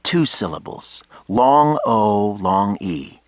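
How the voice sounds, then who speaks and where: A man voicing a quick-witted young woman of about twenty in an audiobook, teasing and eager. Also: on the low side, lively intonation, dry recording, voice pushed up. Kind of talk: audiobook character voice.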